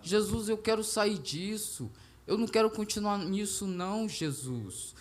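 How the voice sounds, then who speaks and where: A man's voice: high voice, animated, a little slow. A man with a Brazilian Portuguese accent giving an emotional church testimony. He speaks earnestly and fervently, acting out his own prayers aloud.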